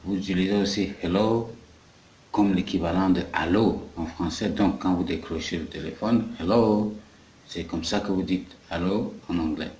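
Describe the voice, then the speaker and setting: A man's voice: low-pitched, steady tone, moderate pace, darkish tone, echoey room. A man from Africa giving a patient English lesson, explaining in French and English and repeating key phrases. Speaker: English teacher. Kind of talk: bilingual language lesson.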